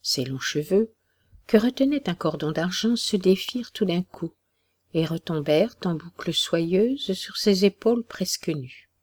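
A narrator giving a measured storybook reading of a classic tale. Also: medium pitch, expressive, no echo.

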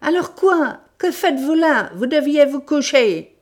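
A woman reading an audiobook, voicing an imperious, irritable English detective man who scolds with sharp questions. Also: medium pitch, sing-song, a little slow, voice pushed up. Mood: furious. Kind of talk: audiobook character voice.

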